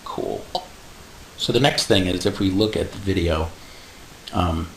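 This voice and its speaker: A man explaining animation software step by step in a casual tutorial, adding little sound effects like "boom". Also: measured pace, creaky. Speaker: animation instructor. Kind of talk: screen-recorded software tutorial. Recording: echoey room with faint hiss.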